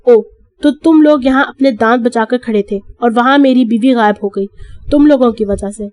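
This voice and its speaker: A woman's voice: a little high, darkish tone, no room sound, lightly acted. A stern young police officer who snaps out curt commands, read by a woman narrator. His words come clipped and hard. The recording is dry and close. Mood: commanding.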